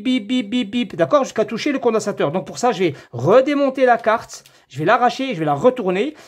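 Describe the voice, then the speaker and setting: This TV repair technician has a high-sitting, somewhat mellow and husky voice. He runs a casual hands-on repair tutorial, chatting with viewers like friends and thinking out loud while he takes measurements.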